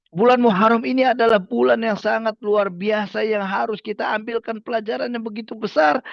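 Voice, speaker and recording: A male Islamic preacher with a high voice and vocal fry tells a story during a religious study lecture, tossing rhetorical questions to his listeners. The recording is dry and close, with a slightly dull, lo-fi sound.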